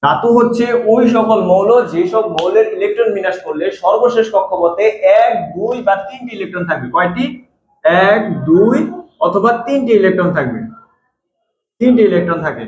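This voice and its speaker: A man's voice: high voice, animated, a little fast. A man teaching chemistry in a classroom lecture, repeating key points and asking the class questions. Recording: echoey room, dull lo-fi sound.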